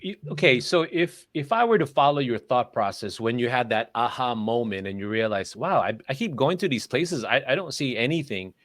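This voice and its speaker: A man's voice: mid-range voice, animated, normal speed, few pauses, fairly bright tone, no echo, studio quality. A man hosting a livestream interview, asking long, rambling questions full of restarts. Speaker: livestream show host. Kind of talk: casual interview conversation. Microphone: livestream call microphone.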